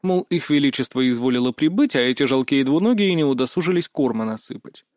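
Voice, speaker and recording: A man narrating a first-person audiobook with wry, even storytelling. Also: medium pitch, fast talker, no room sound, studio quality.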